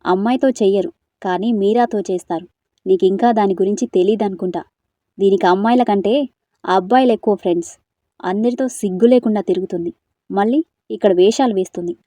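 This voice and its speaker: A woman's voice: medium pitch, a little fast, mellow, no room sound, close to an everyday voice. A woman voicing a domineering young man who bosses and belittles his cousin, in an audio story. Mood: contemptuous. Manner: bossy, contemptuous.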